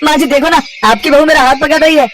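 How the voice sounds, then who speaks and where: A woman's voice: high voice, fairly even intonation, fast talker, recorded from a distance, voice pushed up, natural voice. A woman putting on a leering male milkman. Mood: leering sly.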